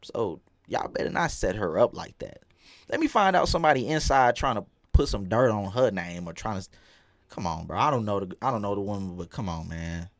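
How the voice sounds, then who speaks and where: A man hosting a casual podcast, swinging between loud exclaims and low mutters. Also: lively intonation, fairly quick, dry recording. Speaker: podcast host.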